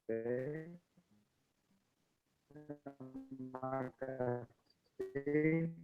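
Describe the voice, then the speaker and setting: A man speaks through an online call whose audio glitches and drops out in pieces, the sound thin and phone-like. He talks at a very slow, halting crawl, testing whether he can be heard, with faint music somewhere behind. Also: medium pitch. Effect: choppy glitching call audio that keeps cutting out. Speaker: participant calling in.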